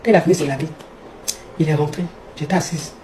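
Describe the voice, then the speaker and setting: A woman's voice: sits low, fast, dark tone. A woman, a relationship coach telling a personal story to viewers and acting out both sides of the dialogue. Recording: echoey room with faint noise.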